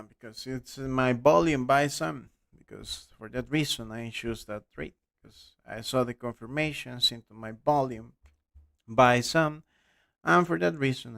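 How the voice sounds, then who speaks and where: A young Costa Rican man, a native Spanish speaker with a Costa Rican accent, hosts a live trading stream in his second language, answering viewer questions bluntly. His voice is medium-pitched, slightly slow, creaky, and a bit bright, trailing off at the ends of phrases.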